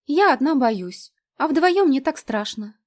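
A woman's voice: lively intonation, moderate pace, a little mellow. Woman putting on a bubbly lovestruck young woman. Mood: pleading. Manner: gushing, high and breathy when swooning.

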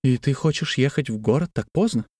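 A man voicing a worried, refined lady of the house who speaks in a soft, pleading way in an audiobook. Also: medium pitch, expressive, a little fast, no room sound, clean studio sound, voice pushed up, close to an everyday voice. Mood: anxious.

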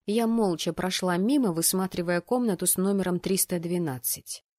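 Low-voiced woman reading a fantasy novel. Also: moderate pace, no room sound, clean studio sound. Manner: voices the rowdy students' shouts with bursts of pitch and volume. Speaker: audiobook narrator. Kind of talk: first-person fantasy narration with acted dialogue.

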